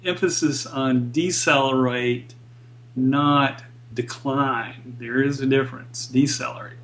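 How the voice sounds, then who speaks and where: A man speaking as a guest economist in an interview, explaining data in a measured, deliberate way. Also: medium pitch, steady tone, fairly bright tone.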